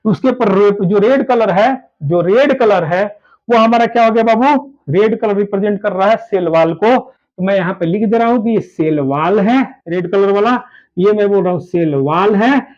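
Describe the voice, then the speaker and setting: A man's voice: high voice, normal speed, darkish tone. A man teaching biology who repeats his key points and keeps urging his students to listen closely. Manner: repetitive, calls students "babu", urges them to listen closely. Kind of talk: explaining a lesson at a whiteboard. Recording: dull lo-fi recording.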